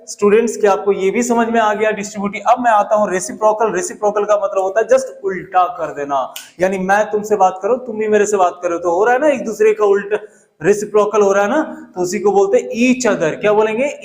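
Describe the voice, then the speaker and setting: A man teaching an English grammar lesson in a classroom. He keeps asking his students questions and repeats the English examples slowly. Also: high voice. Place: classroom with a whiteboard.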